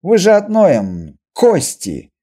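A man's voice: medium pitch, sing-song, moderate pace, dark tone, slightly rough. A man voicing a level-headed male merchant in an audiobook, speaking firmly and reasonably. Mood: scolding.

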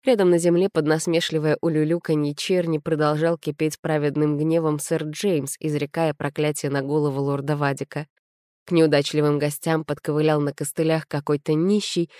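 A woman narrating an audiobook in an even storytelling manner. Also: low-pitched, normal speed, dry recording, studio quality.

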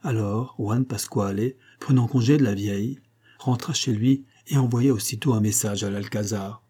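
A man reading a classic novel aloud as an audiobook, in a measured, even narration. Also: lowish voice, breathy edge. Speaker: audiobook reader. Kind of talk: scripted narration.

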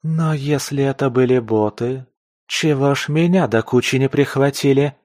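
A man's voice: mid-range voice, moderate pace, darkish tone, dry recording, clean studio sound, voice pushed up, lightly acted. A man voicing a tough, wounded young woman scavenger who mutters and curses to herself in a storybook reading. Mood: grumbling. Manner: muttering to herself, gruff, cursing.

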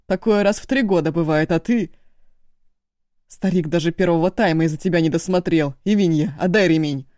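A woman voicing an angry older brother in an audiobook, shouting and scolding loudly. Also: fairly low pitch, fairly quick, no room sound, clean studio sound, lightly acted. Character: furious older brother, stern young man.

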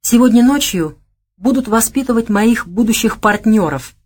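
A woman's voice: medium pitch, animated, moderate pace, natural voice. A woman doing a hot-tempered gangster man. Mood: gruff. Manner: gruff, boastful, blustering. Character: gruff young gangster man, quick-tempered.

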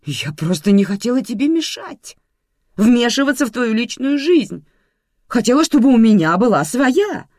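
A reader voicing an indignant, self-absorbed middle-aged mother who exclaims loudly in a dry, close recording. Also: fairly low pitch, sing-song, moderate pace, hardly any pauses, husky, no echo. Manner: loud, exclaiming.

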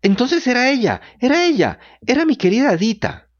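A man's voice: huge pitch swings, normal speed, dull audio. A man voicing an eager wooden puppet boy who pleads and gets tearful, in a storybook reading. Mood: emotional. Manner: high, bright and pleading.

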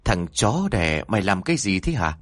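A man voicing a gluttonous evil spirit that possesses a pregnant woman, speaking in a deep gruff voice, slow and spiteful. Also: very animated, no echo, clean studio sound. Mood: furious.

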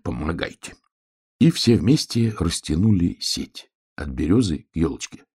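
A man reading a children's tale aloud, expressive and hushed at quiet moments. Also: low voice, normal speed, husky. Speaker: storyteller.

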